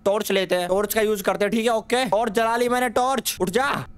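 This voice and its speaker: A man's voice: sits high, steady tone, a little fast, clear, resonant tone. A young man giving comic horror game commentary, rambling and jokey, taunting the game's ghosts, repeating words in nervous streams and yelping in fright. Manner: yelps in fright. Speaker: gaming YouTuber.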